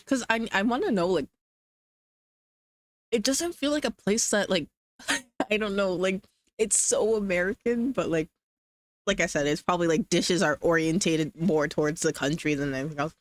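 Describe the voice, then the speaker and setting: A livestreamer eats while chatting casually with chat, rambling, hedging with many fillers like "like", and reading chat aloud. The voice is mid-range at a normal speed, with frequent pauses.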